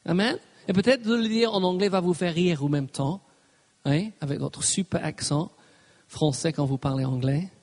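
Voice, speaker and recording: A man's voice: a little high, normal speed, darkish tone. A man preaching a sermon, emphatic, punctuating his points with "Amen" and slipping in English phrases. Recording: reverberant hall.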